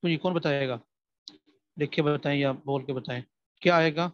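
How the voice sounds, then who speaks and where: A man's voice: on the high side, steady tone, no echo. A man teaching a recitation class, asking his students questions, repeating them and answering them himself. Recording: dry, slightly dull sound.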